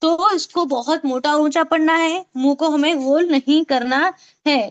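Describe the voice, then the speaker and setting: High-voiced woman teaching an online class. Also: unhurried, dull audio. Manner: patient, explanatory, repeats sounds for drilling. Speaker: Quran recitation teacher. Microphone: video call.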